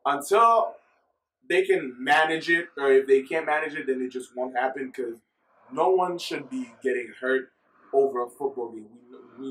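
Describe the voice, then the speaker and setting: This US football vlogger, recording at home, has a bright voice on the high side and is picked up from a distance in a roomy space. He rambles chattily through football news, frequently correcting himself as he goes.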